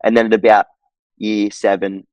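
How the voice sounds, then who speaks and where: A young man with an Australian accent talks easily as a podcast guest, his voice sitting low. He rambles in a laid-back way, dotting his talk with fillers. The sound is close and dry. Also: level tone, moderate pace, a little mellow, no echo, highs cut off. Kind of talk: casual interview chat.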